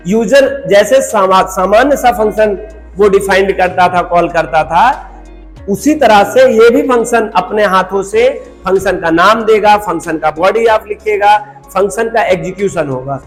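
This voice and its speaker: A man with a fairly high, slightly slow voice gives a recorded programming lecture, mixing English terms into his speech. He repeats points and poses rhetorical questions. The rough recording has a long reverb tail and faint background music.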